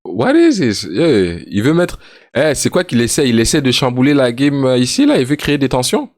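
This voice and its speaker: A man's voice: medium pitch, sing-song, a little fast, darkish tone, dry recording, clean studio sound. A man giving casual, joking reaction commentary as a streamer, mixing English slang into his talk. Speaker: streamer reacting to a music video.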